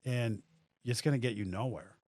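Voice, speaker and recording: A man's voice: medium pitch, normal speed, darkish tone, no echo. A man hosting a podcast, chatting casually in a friendly, agreeable way with a bit of dry sarcasm. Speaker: podcast host. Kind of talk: casual chat.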